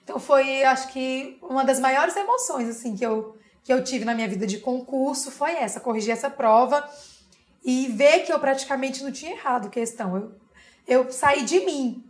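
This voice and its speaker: A young Brazilian woman, an interview guest, telling a personal story in a lively way and often adding tag questions. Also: high voice, brisk. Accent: Brazilian Portuguese.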